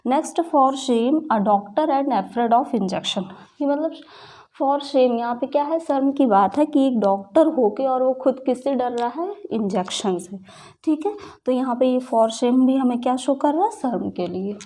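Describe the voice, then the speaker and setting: Mellow Indian woman teaching grammar. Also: high voice, expressive, measured pace. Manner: explains each example, often asking and answering her own questions. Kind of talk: bilingual grammar lesson.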